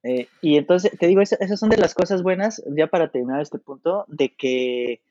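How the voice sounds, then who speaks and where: Hesitant Mexican man, slightly high voice. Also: normal speed, no room sound, dull audio. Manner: hesitant, full of fillers and restarts; animated when telling anecdotes. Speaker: podcast guest. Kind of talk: casual storytelling chat.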